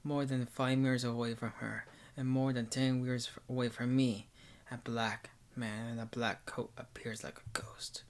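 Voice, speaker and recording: A man reading a visual novel aloud in first person, halting and stumbling at times and dropping into whispers. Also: mid-range voice, flat delivery. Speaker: narrator.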